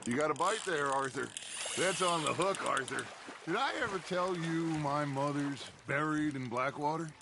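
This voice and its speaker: A friendly, wistful outlaw from a western game, voiced by a man, cheering on a fishing buddy and musing about the past. His voice rides a touch high and relaxed. Water and boat ambience hums clearly underneath. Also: normal speed, noisy background, close to an everyday voice. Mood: easygoing. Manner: relaxed, reflective, encouraging.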